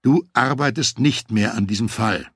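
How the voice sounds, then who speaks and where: A man's voice: medium pitch, normal speed, gravelly, slightly rough, no echo, clean studio sound. A man voicing an angry, worried wife who scolds her husband in an audiobook reading. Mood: firm. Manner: sharp, scolding.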